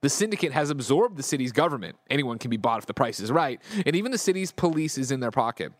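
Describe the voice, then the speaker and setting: Man acting trailer narrator, ominous, dramatic, horror-trailer style, swinging pitch, brisk. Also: very animated, no echo, lightly acted.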